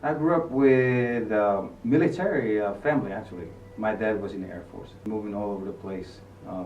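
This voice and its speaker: Brief: low-voiced officer, halting delivery, roomy echo, far mic. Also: male voice, darkish tone. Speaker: chief warrant officer. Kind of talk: interview testimony. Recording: echoey distant mic, faint rumble.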